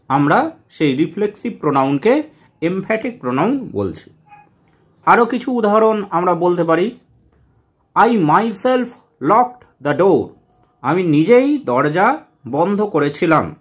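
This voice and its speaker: Man, grammar teacher, high voice, very animated pitch, slow careful explaining. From West Bengal. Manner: slow, repeats examples word by word.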